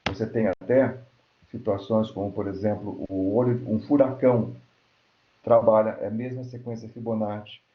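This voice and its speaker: Low-voiced Brazilian man lecturing online. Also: fairly even intonation, moderate pace. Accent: Brazilian Portuguese. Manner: explanatory, frequent checking tags like "né?" and "certo?". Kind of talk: academic lecture. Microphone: computer mic on an online lecture platform. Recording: roomy, dull lo-fi online call audio.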